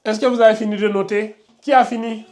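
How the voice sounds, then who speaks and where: A man's voice: sits high, fairly even intonation, fast talker, a little mellow. A man teaching a class in a classroom, patiently repeating examples and drawing out each sound as he demonstrates it. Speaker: Quran recitation teacher. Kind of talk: classroom lesson. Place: classroom with a board.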